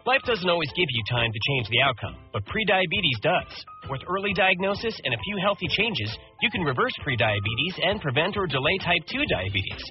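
A man's voice: fairly high pitch, very animated, fairly quick, hardly any pauses, lo-fi sound. A man reading a scripted public service ad in a conversational announcing voice. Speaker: commercial announcer. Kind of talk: scripted ad read. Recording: radio ad with music behind.

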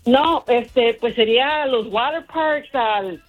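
A woman's voice: fairly high pitch, slow pace, phone-quality sound, faint music behind. A woman calling in to a radio quiz, answering in a friendly, hesitant way. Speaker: caller. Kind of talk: radio call-in.

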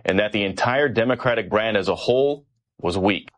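A man's voice: lowish voice, a little fast. A man delivering a radio news report in a matter-of-fact way.

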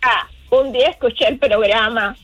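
A woman from Cuba calling in to a radio show, tearful and excited, talking in halting bursts. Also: on the high side, no room sound, dull audio. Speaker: radio caller. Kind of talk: emotional phone-in chat.

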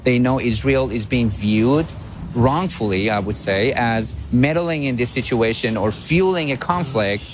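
A man's voice: medium pitch, measured pace, noisy background. Male analyst, firm and emphatic, mid-range voice, guest on a talk radio interview. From Iran.

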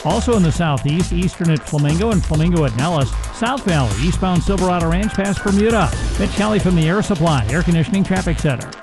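A male radio reporter reads a traffic report in a slightly high-pitched voice. He delivers it as a broadcast update over a clearly audible music bed. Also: expressive, fast.

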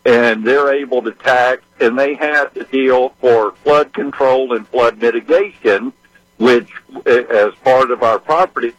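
A man's voice: medium pitch, measured pace, dry recording. A man calling in to a radio show, telling a rambling story full of restarts over a phone line that keeps cutting in and out. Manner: talks in restarts and fillers, folksy. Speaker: radio call-in caller. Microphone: phone call.

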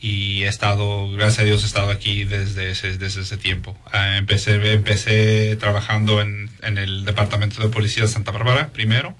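A man's voice: on the low side, flat delivery, normal speed, hardly any pauses, a bit bright. A man born in Mexico, a police sergeant answering interview questions in a hesitant way with many fillers.

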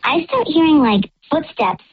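A woman's voice run through a voice changer that pushes it very high, heard over a dull, lo-fi call-in line. She tells her story in a chatty, rambling way, with "like" in almost every sentence. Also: expressive, measured pace, no echo. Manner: chatty, fills speech with "like". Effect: voice changer disguising her voice. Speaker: caller confessing a secret on a radio show. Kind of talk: telling a personal story.

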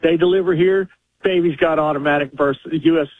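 A man's voice: fairly high pitch, fairly even intonation, a little fast, dry recording. A man in his sixties calling in to a radio talk show, explaining earnestly at length. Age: 60s. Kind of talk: casual talk radio call. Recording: tinny phone line.

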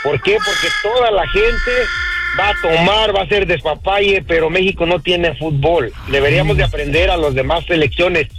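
Mexican man, call-in, blunt, scoffing, high voice, faint music. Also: animated, moderate pace. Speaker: caller. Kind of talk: casual call-in chat.

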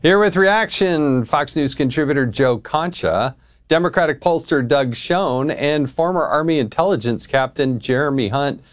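A man's voice: fairly high pitch, normal speed. A man hosting a cable news show, delivering pointed, mocking commentary and introducing guests. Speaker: TV news host.

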